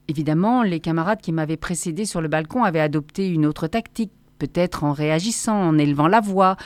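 A woman narrating a first-person story with expressive reading, lifting her voice for quoted speech. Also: on the low side, dry recording. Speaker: audiobook reader.

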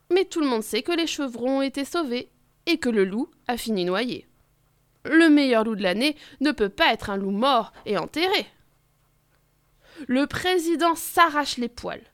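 A woman reading a children's story aloud, expressive and animated. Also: high-pitched, no room sound, studio quality.

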